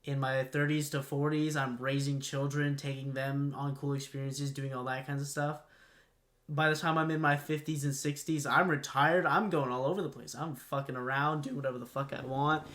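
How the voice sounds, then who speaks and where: Young guy on a podcast, chatty and animated, lots of likes and ums. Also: medium pitch, moderate pace. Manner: animated, laughing, talks in fillers. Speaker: podcast co-host. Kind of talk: casual chat.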